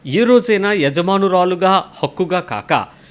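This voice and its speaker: A man with a high voice and lively intonation preaches at a measured pace. He narrates a story, quotes its figures, and presses the listener hard with questions.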